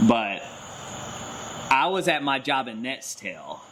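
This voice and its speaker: A lively man tells a story in a casual chat. He talks at a middle pitch, is expressive and laughs easily, and acts out other people's voices. Faint ambient noise sits behind him. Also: slow pace. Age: 30s. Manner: animated, laughs often, acts out voices in his stories. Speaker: garage channel host.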